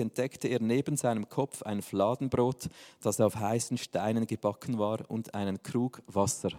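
A man's voice: medium pitch, darkish tone, in a large hall. A man, preaching a sermon in a casual, joking style. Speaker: pastor.

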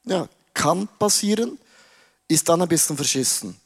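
A man's voice: on the high side, expressive, moderate pace, creaky. A man preaching casually, retelling a story dramatically with slang. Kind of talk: sermon storytelling.

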